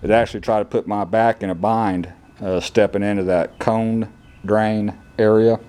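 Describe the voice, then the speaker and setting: Low-voiced grumbling man, plainspoken. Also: steady tone, moderate pace, mellow, smooth. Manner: blunt, grumbling, plainspoken with rural slang. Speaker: DIY vlogger. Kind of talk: casual DIY walkthrough vlog. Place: indoor former kennel building with concrete floor.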